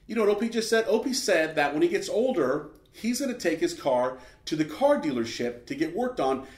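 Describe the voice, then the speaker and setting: A man's voice: fairly high pitch, very animated, fairly quick, voice pushed up. A man doing a teasing mechanic father. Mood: mocking. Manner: teasing, mocking. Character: gruff teasing middle-aged mechanic father. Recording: roomy echo.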